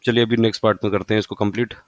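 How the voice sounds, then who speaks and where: Low-voiced man tutoring. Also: flat delivery, rapid-fire, dry recording. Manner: rambling, repeats facts, fillers. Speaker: exam-prep tutor. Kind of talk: casual explanatory lesson.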